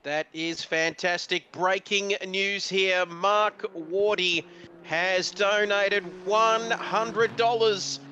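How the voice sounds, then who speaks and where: A man giving live sim racing commentary in an excitable, emotional, fast-flowing play-by-play. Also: high voice, highs cut off, a little hiss or hum. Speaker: race commentator.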